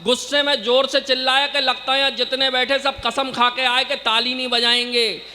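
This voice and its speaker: A man's voice: very high voice, level tone, moderate pace, sharp tone, in a large hall. A man from India performing comic poetry on stage, joking with the audience and chanting verses. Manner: joking, addresses audience directly, sings verses. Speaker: stand-up comic poet.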